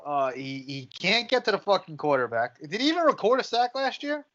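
A man's voice: sits high, very animated, brisk, a bit bright. A man co-hosting a sports podcast in casual banter, talking like a blunt, swearing frat bro. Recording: muffled lo-fi audio.

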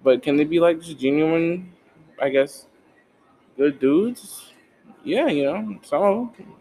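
A man's voice: a little high, slow, dark tone, low-quality recording. A young man hosting a podcast in laid-back, slangy casual chat, tossing in "bro" often. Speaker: podcast host.

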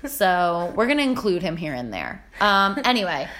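A woman's voice: lowish voice, very animated, normal speed, a bit bright. A woman co-hosting a podcast, chatting in a casual, laid-back way and swearing freely. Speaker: podcast co-host. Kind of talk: casual chat.

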